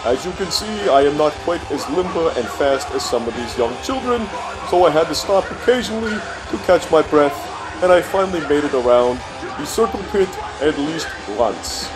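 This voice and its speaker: An older man narrates in a comic, grumpy manner. His voice is fairly high and swings up and down a lot as he complains in folksy, exaggerated fashion. Music plays clearly behind him. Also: expressive, moderate pace, poor audio. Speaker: comic commentator. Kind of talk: comic narration over festival videos.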